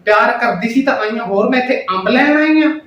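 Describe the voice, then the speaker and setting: A woman playing a loud, melodramatic, excitable aunty with a Pakistani Punjabi accent in a family comedy skit. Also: on the high side, brisk, dull audio. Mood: indignant, dramatic. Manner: loud, melodramatic wailing and exclaiming. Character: loud, dramatic, excitable village aunty and wife. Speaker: actor in a family comedy vlog. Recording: roomy echo with clear background noise.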